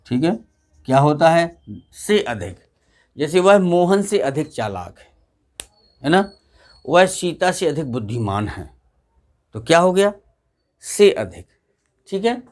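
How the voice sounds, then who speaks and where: Male teacher with a slightly high voice, drilling grammar rules in class through call-and-response. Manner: asks students questions and repeats the answers.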